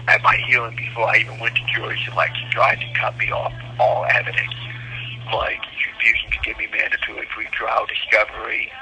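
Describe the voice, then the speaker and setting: A man calling over a prison phone line, recounting his court troubles earnestly and haltingly, with frequent ums and restarts. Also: mid-range voice, vocal fry, noisy background. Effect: heard over a prison phone line.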